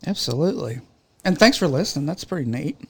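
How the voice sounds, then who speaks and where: Jokey Southern American man, lively pitch. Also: fast, breathy edge. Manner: jokey, teasing, playful. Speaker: podcast co-host. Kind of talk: casual podcast banter.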